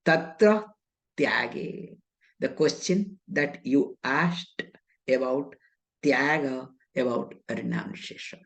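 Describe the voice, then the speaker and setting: A woman with an Indian English accent giving a scriptural discourse as a spiritual teacher, speaking deliberately, weaving in Sanskrit terms and answering her own rhetorical questions. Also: extremely low pitch, lively intonation, vocal fry.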